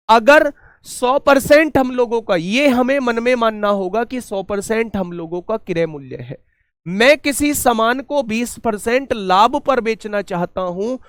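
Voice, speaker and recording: A man's voice: high-pitched, a bit bright, smooth, dry recording. A man teaching an online exam-prep maths lesson, explaining step by step and asking his students rhetorical questions.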